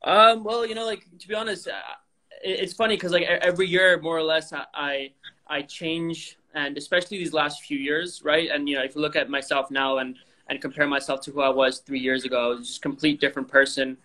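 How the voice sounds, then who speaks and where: A young man raised in Indonesia speaks frankly as a guest athlete in an interview over a video call, rambling with many fillers and restarts. His voice is on the high side with little pitch movement, brisk, bright and forceful in tone. The recording quality is low.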